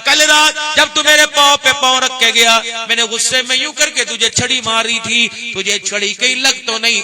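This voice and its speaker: A male preacher with a very high, piercing voice, delivering an emotional sermon to a large gathering. He drops to hushed storytelling, then bursts into fervent shouted cries, with the crowd clearly audible in the live recording. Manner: swings between hushed retelling and shouted passionate exclamations.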